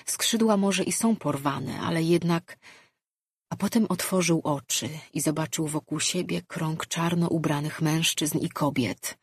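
Woman narrator, audiobook, low voice, very husky, dry close sound. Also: measured pace, no room sound. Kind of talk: scripted narration.

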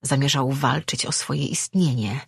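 A narrator reading a fantasy novel as an audiobook in steady, measured storytelling. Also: mid-range voice, vocal fry, slightly rough, no echo, clean studio sound.

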